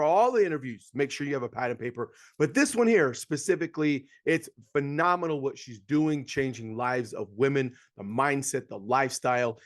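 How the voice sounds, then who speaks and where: A man hosting a podcast interview, upbeat and enthusiastic, sometimes rushing through his words. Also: medium pitch. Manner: upbeat, enthusiastic, with bursts of speed. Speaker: podcast host.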